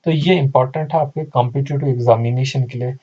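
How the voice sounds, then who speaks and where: A man's voice: mid-range voice, steady tone, brisk, dark tone, slightly rough, lo-fi sound. A male teacher giving an exam-prep lecture, who repeats his points and asks and answers his own questions, with terms mixed in.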